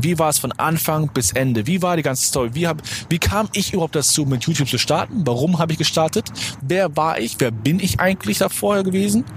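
A man in his twenties hosting a podcast, rambling casually and correcting himself in a slangy motivational monologue outdoors near a supermarket. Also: fairly high pitch. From Germany. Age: 20s. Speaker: podcast host. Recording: clear outdoor traffic noise. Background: traffic and street noise.

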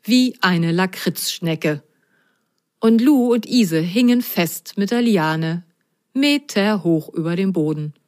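Woman slowly reading a children's story. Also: on the low side, lively intonation, darkish tone.

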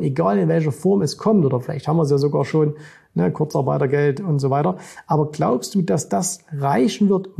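A man's voice: on the high side, creaky, dark tone, slightly rough. A middle-aged man, a finance coach, talking casually to camera and keeps checking in with the viewer. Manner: direct, keeps addressing the viewer with "ne?" and "So.". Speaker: finance and stock-market coach.

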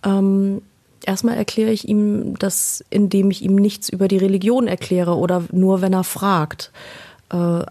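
Interviewee, woman in her thirties, gravelly husky low voice, earnest and hesitant. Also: mellow. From Germany. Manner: earnest, with frequent hesitations and repeated words. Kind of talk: personal interview.

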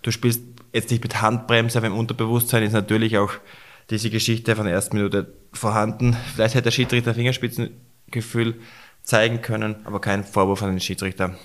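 A hoarse man, hosting a sports recap podcast and talking in a rushed, emotional way. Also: lowish voice, level tone. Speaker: podcast host.

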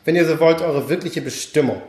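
A man's voice: a little high, a little fast, a little mellow, natural voice. A man voicing a cruel male teddy-bear overseer of a work camp, giving mocking orders. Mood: cold commanding. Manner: commanding, mocking speech to workers. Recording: roomy echo.

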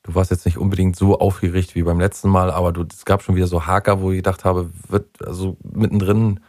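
Male co-host, lower voice, dry close mic, stern lecturing coach in a comedy sketch. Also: level tone, fast, darkish tone, no room sound. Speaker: podcast co-host.

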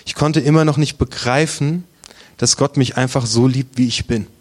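In this testimony sermon, a man speaks at normal speed with a medium pitch and a steady tone. His account of his personal faith is earnest and close, and now and then his voice falls nearly to a whisper.

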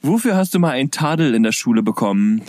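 A young man from Berlin, a podcast host telling stories in casual chat, animated and acting out quotes. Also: medium pitch, fast talker. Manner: animated, acts out quotes with loud outbursts and laughs.

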